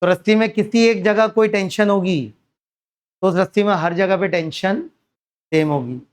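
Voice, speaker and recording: A man teaching a physics lesson to students. He keeps asking them questions and then answers them himself. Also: high voice. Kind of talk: classroom lecture.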